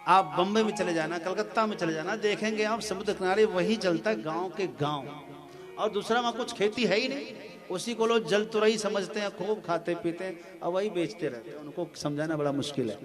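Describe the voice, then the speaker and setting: Male preacher telling a devotional story. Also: high-pitched. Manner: animated storytelling, acting out the characters. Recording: music playing behind. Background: music.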